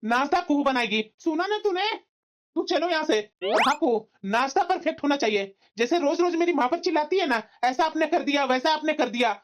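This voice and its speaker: A woman's voice: sits high, lively intonation, fairly quick. A woman voicing a hot-tempered grown son in a cartoon, who orders his wife around and defends his mother. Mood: commanding. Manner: angry, commanding. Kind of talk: cartoon voice acting. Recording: slightly dull lo-fi audio.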